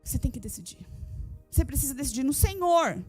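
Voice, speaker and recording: Preaching to her church congregation, a woman pastor who has a daughter speaks to its women directly, hammering her points home with repeated phrases and rhetorical questions. Her high-pitched, sing-song voice is a little fast with a darkish tone, over soft background music.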